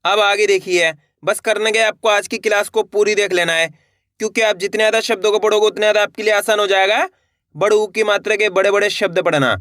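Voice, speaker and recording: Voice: mid-range voice, fairly even intonation, fairly quick, a bit bright, no room sound, studio quality. A teacher giving a beginner reading lesson, sounding out each syllable and then blending the whole word, talking to viewers as friends. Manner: addresses viewers as friends, encouraging.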